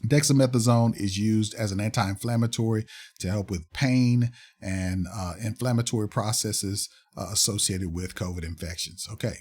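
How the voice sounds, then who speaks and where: A man giving casual commentary on fact-check articles, reading passages aloud and pausing often with fillers and restarts. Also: on the low side, a little mellow. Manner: halting, many fillers and restarts, reads aloud then comments.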